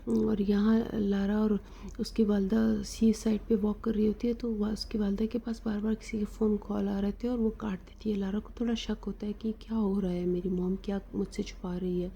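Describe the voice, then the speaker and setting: A woman narrating an episode recap of a drama, retelling the plot with fillers and pauses. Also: mid-range voice, level tone, vocal fry, warm tone, slightly rough, highs cut off.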